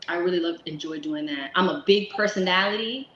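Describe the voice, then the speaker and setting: A woman in her thirties from South Florida, chatting as an interview guest in a lively way, laughing often and restarting her sentences. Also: on the low side, a little fast, a little hiss or hum. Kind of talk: casual interview chat. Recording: echoey lo-fi room.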